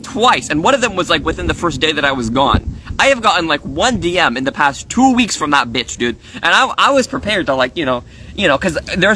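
A man's voice: a little high, bright, forceful tone, slight background noise. A man streaming live from his phone, rambling casually with lots of fillers and restarts and swearing freely as he vents. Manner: swears freely, aggrieved venting.

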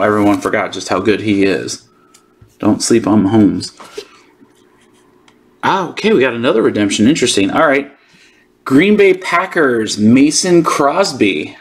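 A man's voice: fairly low pitch, husky. A man hosting a sports card channel, giving casual, informal unboxing commentary as he thinks aloud.

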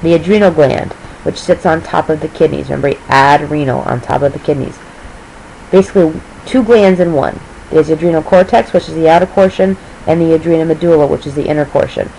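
A woman's voice: sits low, brisk, creaky, warm tone, a little hiss or hum, poor audio. A woman teacher explaining a lesson review, losing her voice and checking in with her students as she goes. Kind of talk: recorded lecture review.

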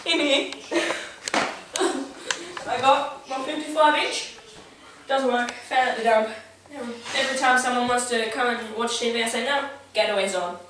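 A young woman giving a comedic mock tour of a house, boasting deadpan with sudden yelps, filmed indoors on a home camera from a distance. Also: fairly high pitch, moderate pace. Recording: echoey room, distant mic, noisy home video.

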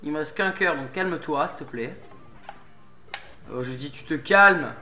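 A man's voice: a little high, measured pace, sharp tone. A young man doing casual commentary while playing a game, getting worked up, pleading with and swearing at a boss. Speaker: let's play gamer. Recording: game music behind the voice.

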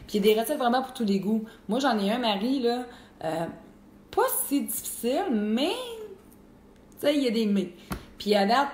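A young woman with a Québécois accent hosting a live cooking stream, chatting casually and answering viewers. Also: mid-range voice. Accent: Québécois French. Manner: chatty and animated, full of fillers. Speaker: cooking show host. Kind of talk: live-stream cooking chat reading comments. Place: home kitchen. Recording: echoey room with faint noise.

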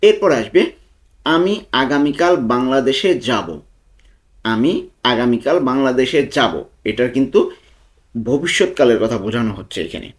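A man's voice: medium pitch, lively intonation, moderate pace. A man teaching a language lesson, breaking each phrase into words and repeating them patiently. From Bangladesh. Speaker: language tutor. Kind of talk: slow spoken language lesson.

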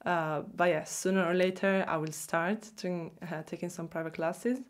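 Language learning is the topic as a young woman with an Italian accent speaks casually to camera in a small room. Her voice is fairly low, and she comes across as expressive, talkative and ready to laugh.

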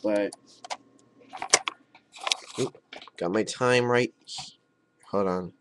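A teenage boy chatting casually to a webcam at home in a hesitant, halting way. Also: fairly low pitch. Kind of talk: casual vlog chat. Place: room at home, indoors. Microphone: webcam at arm's length. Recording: faint noise and clicks, webcam audio.

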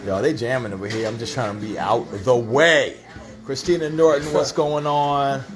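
A man's voice: medium pitch, fairly even intonation, normal speed. A man hosting a home cooking live stream, chatting with viewers while filming on a phone in a kitchen. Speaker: cooking show host. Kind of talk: casual live-stream chat. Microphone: handheld phone camera.

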